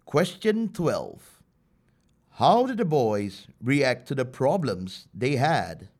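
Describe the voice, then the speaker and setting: Man announcing test questions, slow, voice goes up and down a lot. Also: mid-range voice, big pitch swings, darkish tone. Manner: formal, measured announcing. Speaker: exam instructions reader. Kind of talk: scripted test instructions.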